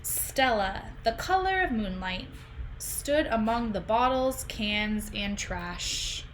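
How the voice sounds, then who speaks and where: A woman in her thirties, a teacher, reads a picture book aloud slowly in a mid-range voice with lively intonation, though the audio is poor. Speaking simply to young children from a room at home, she asks questions and explains. The home video call has clear background noise.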